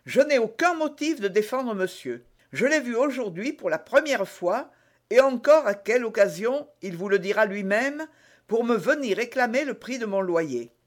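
A man's voice: very high-pitched, expressive, pitched above the performer's own voice. A man playing a commanding young musketeer. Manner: commanding, brisk orders. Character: bold young male musketeer, quick-witted leader. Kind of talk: audiobook reading.

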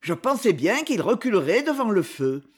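Brief: a man voicing a cool, decisive adventurer-hunter in an audiobook, husky and lively. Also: high voice, moderate pace, full character voice. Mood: calm, assured. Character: bold, coolheaded male English big-game hunter. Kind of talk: audiobook character reading.

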